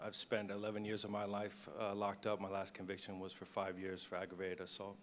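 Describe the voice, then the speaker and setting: A man's voice: deep voice, completely flat delivery, fairly quick. A man in his thirties telling his life story as a panel guest, in a matter-of-fact way. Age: 30s.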